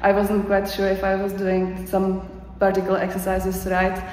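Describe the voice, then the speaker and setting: In an echoey hall with faint ambient sound and a slight hiss or hum, a young woman from the Czech Republic offers a testimonial as a course graduate. Her accented, mid-range voice is a little mellow, completely flat in delivery and moderately paced. She speaks unscripted and hesitantly, restarting and using lots of fillers.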